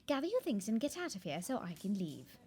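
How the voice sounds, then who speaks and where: Actress as a bossy stage manager, lively and fairly high voice, audio comedy. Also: female voice, brisk, husky. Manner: curt and bossy. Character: brusque female stage manager, fed up.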